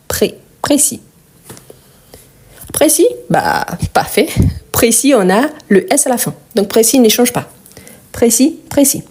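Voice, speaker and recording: A woman's voice: mid-range voice, warm tone. Patient woman teaching French grammar. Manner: patient, repeats each word slowly and asks questions. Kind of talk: live online language lesson.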